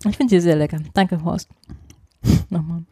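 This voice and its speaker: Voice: medium pitch, moderate pace, warm tone, husky, no echo. A podcast co-host chatting casually, with dry, teasing remarks. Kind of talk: casual chat.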